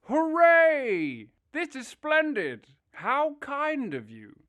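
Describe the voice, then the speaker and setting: Toad, a man doing a boastful excitable toad. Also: very high-pitched, very slow, exaggerated voice. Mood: excited. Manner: bombastic, exclaiming.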